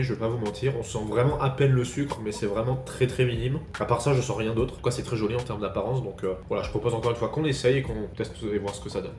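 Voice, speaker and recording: A man's voice: medium pitch, a little mellow, echoey room. A man hosting a casual food tasting vlog, chatty and full of fillers like a running commentary. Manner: chatty, repeats fillers like "voilà". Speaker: food vlogger.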